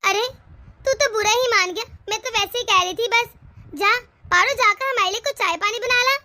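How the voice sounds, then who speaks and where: A woman's voice: very high voice, moderate pace, pushed and bright, full character voice. A woman voicing a scheming, bossy sister-in-law in a cartoon, taunting and sly. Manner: taunting, sly, self-pitying. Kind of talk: cartoon voice acting.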